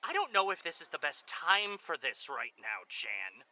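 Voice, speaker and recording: A betrayed, bewildered detective acted by a man in an audio drama. His voice is higher-pitched and very sharp, with lively, insistent questioning. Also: measured pace, slight background noise, exaggerated voice.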